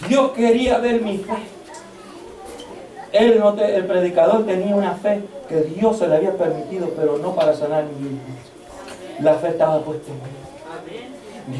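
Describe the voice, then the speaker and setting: A man preaching a sermon as pastor, fervent, swinging between loud shouts and hushed storytelling. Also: fairly high pitch. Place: church. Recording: echoey church hall, mic at a distance.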